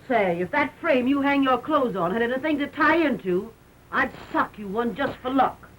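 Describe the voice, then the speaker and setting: An actress playing a quarrelsome, hefty vaudeville wife in an early talkie film, combative and slangy. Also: female voice, sits high, expressive, moderate pace, fairly bright tone. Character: quarrelsome, brassy, hefty married female vaudeville performer. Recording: distant, noisy 1929 film soundtrack.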